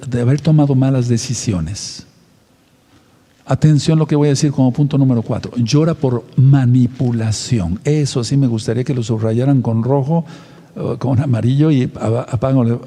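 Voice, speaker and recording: A man's voice: medium pitch, warm tone, husky, in a large hall. A man, a pastor and counselor giving a teaching sermon, repeating his points and asking the audience questions.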